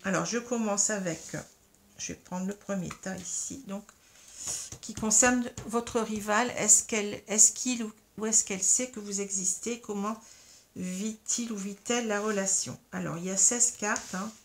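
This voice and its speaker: A woman talks her viewers through a tarot spread in an unhurried, patient way. She explains every step, often dropping in small fillers as she lays out cards and stones. Her voice sits at an ordinary middle pitch. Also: steady tone. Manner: patient, explains step by step, frequent "hein" and "euh". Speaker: tarot card reader. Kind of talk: guided tarot reading to camera.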